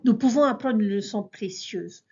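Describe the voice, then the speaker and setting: A woman's voice: medium pitch, moderate pace, warm tone, breathy edge, highs cut off. A woman teaching a devotional scripture lesson in an earnest voice, speaking to listeners as brothers and sisters.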